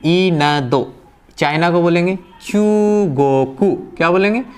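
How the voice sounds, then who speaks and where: A man with a fairly high voice teaches beginners in a classroom-style lesson. He asks a question, pauses, and answers it himself over and over. His explanations are patient and go one step at a time. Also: clear, resonant tone. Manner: drills with repeated questions and answers. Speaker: language teacher.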